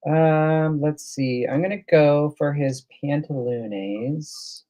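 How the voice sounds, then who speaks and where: A man's voice: a little high, slow, mellow. A man hosting a casual live coloring demo, chatting and thinking aloud as he works. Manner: chatty, thinks aloud while working, reads out viewer comments. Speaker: livestream host.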